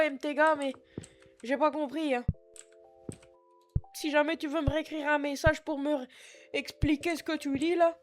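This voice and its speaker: A man voicing a foul-mouthed, scatterbrained 60-year-old female shop clerk with a put-on Picard and Norman patois accent, sniffling and rambling to chat from his computer. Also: very high voice. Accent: put-on Picard and Norman patois mix. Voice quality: sniffly, rambling, swears a lot. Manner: chatty, flustered, self-mocking asides to chat. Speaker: streamer doing roleplay. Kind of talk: live-streamed game roleplay. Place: at home at a computer.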